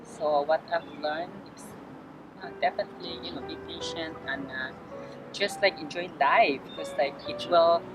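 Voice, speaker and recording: Hesitant young woman over loud music. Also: deep voice, normal speed, poor audio. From Philippines. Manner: hesitant, lots of fillers and restarts. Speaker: interview guest. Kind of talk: casual interview answers. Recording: music playing clearly behind.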